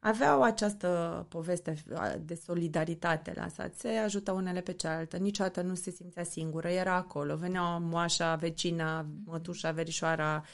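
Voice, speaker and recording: A woman's voice: fairly low pitch, steady tone, gravelly, hardly any pauses. A woman from Romania, a mother, talking earnestly and reflectively as an interview guest. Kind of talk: candid interview talk.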